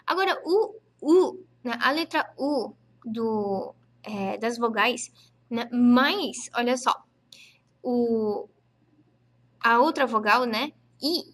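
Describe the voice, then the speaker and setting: A woman teaching a casual online language lesson, patiently repeating each word slowly for learners. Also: on the high side, lively intonation, fairly bright tone. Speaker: Japanese teacher.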